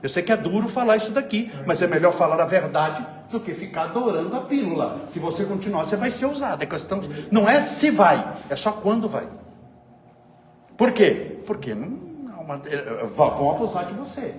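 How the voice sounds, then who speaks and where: A man from São giving a spiritist lecture, telling everyday stories and asking his audience rhetorical questions in a conversational, lively way. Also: high-pitched, a little fast. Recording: echoey room, faint ambient noise.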